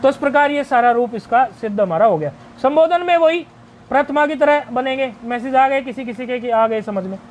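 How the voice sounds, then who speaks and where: A man teaching Sanskrit grammar in a recorded video lesson, explaining step by step, asking and answering his own questions, and reciting word forms slowly in a list. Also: very high voice, expressive, a little hiss or hum.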